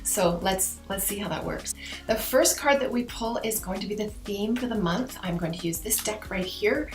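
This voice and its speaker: A woman with a mid-pitched voice gives a casual card reading in the manner of a fortune teller. She talks straight to her viewers in chatty, mystical new-age language. The room is noticeably echoey, with faint music. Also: moderate pace. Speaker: tarot and oracle card reader hosting her own channel.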